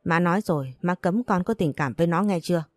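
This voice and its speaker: A woman's voice: fairly low pitch, quick pace, darkish tone, no echo, lightly acted. A woman voicing a worried poor mother from the countryside who scolds and pleads with her daughter. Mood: stern. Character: worried poor rural mother, stern but tender.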